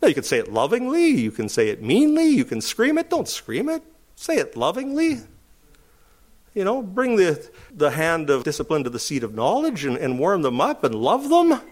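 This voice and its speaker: At a normal speed, this middle-aged man preaches, his sermon alternating between calm stretches and forceful, high-pitched exclamations.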